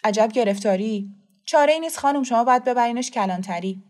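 A woman voicing a busy male police officer who speaks brusquely and loudly. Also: on the high side, close to an everyday voice.

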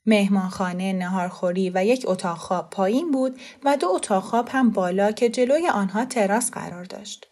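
A woman reading a novel aloud as narrator, in a calm and measured voice. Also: medium pitch. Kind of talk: audiobook narration.

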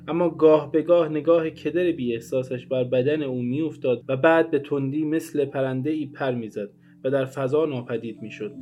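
A man reads a literary novel aloud in a measured, unhurried way. His voice sits in an ordinary middle register. Faint plucked guitar runs beneath the narration. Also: mid-range voice, mellow, lo-fi sound. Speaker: audiobook narrator. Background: faint guitar music.

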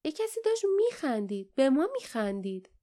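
A woman voicing a bold, sharp-tongued girl who talks in a curt, scornful way. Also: high voice, very animated, voice pushed up.

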